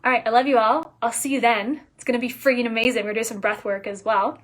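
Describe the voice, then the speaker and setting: Woman coach, fairly high voice, energetic, emphatic, soft near-whispers at times. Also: quick pace. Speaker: business coach. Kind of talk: casual live coaching talk.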